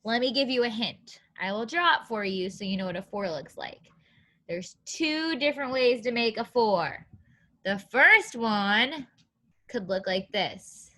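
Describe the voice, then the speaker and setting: Here a female preschool teacher reads to small children at a measured pace, her high voice bright and animated. Her encouraging, sing-song delivery uses simple phrasing as the lesson mixes in questions and counting.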